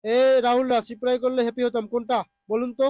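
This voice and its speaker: Unwell high-voiced man teaching online. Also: flat delivery, darkish tone, dry recording, clean studio sound. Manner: patient, repeats words slowly for drill. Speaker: online Bengali grammar teacher. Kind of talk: live online class reading viewer comments.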